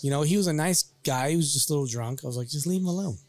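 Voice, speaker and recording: A man casually telling a story on a podcast, animated, swearing freely and acting out what people said. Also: on the high side, very fast, dry recording. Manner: animated, swears freely, acts out quoted lines. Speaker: podcast storyteller, bar worker.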